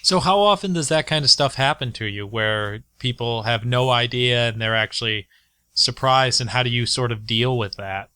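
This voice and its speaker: Guy hosting a podcast, bright sharp voice, stumbles thru his questions, dry sound. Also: mid-range voice, clean tone, no room sound. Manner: asks halting questions with restarts. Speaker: podcast host. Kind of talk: casual interview.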